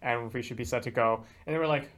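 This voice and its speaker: Talking fast with a medium-pitched, fairly bright voice, a teenage podcast host banters casually indoors alongside his co-host. Jokes, free swearing and laughter fill the gaps between his lines.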